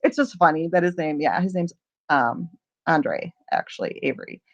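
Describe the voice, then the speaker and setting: A woman's voice: sits low, normal speed, highs cut off. A woman hosting a casual livestream Q&A, chatty and rambling, often laughing as she talks. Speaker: livestream host.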